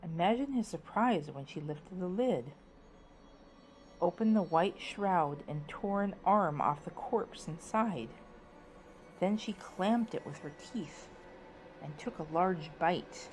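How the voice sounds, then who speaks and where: A woman narrating a scripted story dramatically, in a playful spooky manner that moves between hushed suspense and sudden swells. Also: fairly low pitch, lively intonation, slow, a little hiss or hum, low-quality recording.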